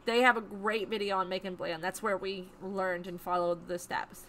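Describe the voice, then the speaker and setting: A woman co-hosting a homesteading live stream, chatting casually and excitedly, laughing often and repeating herself for emphasis. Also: medium pitch, normal speed, slight background noise. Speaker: homesteading channel co-host.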